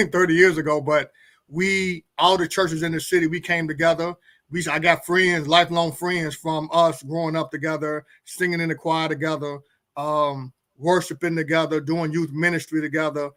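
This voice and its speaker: A middle-aged guest pastor and co-host speaks earnestly in a talk-show conversation, his voice fairly high and a bit bright. He often doubles back on words as he works toward his point.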